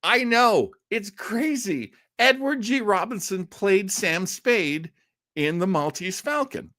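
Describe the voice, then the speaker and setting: With a high, bright, forceful voice, this man speaks slowly and expressively, captured at studio quality without echo. He's the host of an old-time radio listening show from outside Boston in the United States, chatting live with casual enthusiasm and wandering into asides.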